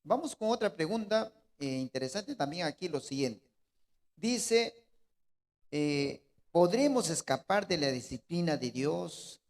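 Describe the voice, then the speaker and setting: A man's voice: on the high side, sing-song, unhurried. A man moderating a church lesson review, thanking speakers and encouraging the group as brethren. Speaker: Bible study moderator.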